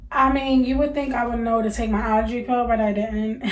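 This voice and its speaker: Here a young mother from the United States talks to her camera with a flat delivery at a moderate pace, her voice on the high side and stuffy with allergies. It's a chatty, candid conversation loaded with fillers, captured in a reverberant space.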